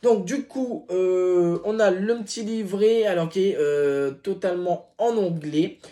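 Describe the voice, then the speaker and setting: A man's voice: sits high, measured pace, dark tone. A man hosting his tarot channel, chatting casually as he unboxes a deck, hesitant with many filler sounds and apologetic asides.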